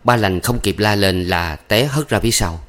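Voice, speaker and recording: A man narrating a story in a steady, measured way. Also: on the low side.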